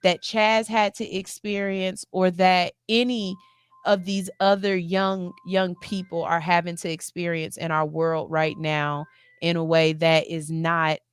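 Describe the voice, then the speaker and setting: Forty-something woman host, slow, earnest and emphatic, dry close sound. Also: lowish voice, level tone, smooth, no room sound, soft background music. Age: 40s. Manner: earnest, emphatic, repeats phrases. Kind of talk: heartfelt talk-show monologue.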